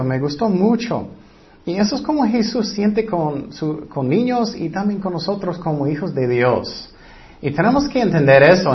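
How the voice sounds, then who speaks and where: A man teaching a Bible sermon in an animated storytelling way, acting out voices as he tells it. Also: on the high side. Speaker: preacher. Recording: dull lo-fi recording.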